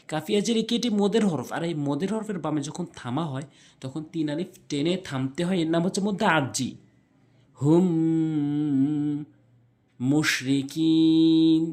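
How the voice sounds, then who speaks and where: A man teaching Quran recitation, spelling out letters and drawing out nasal sounds slowly. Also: fairly high pitch, darkish tone. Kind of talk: slow spelled-out recitation lesson.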